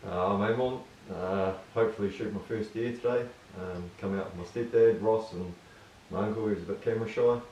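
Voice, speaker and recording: A man's voice: lowish voice, brisk, hardly any pauses. A young man with a broad New Zealand accent, giving a brief, hesitant, casual introduction. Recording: distant, slightly dull, roomy, faint noise.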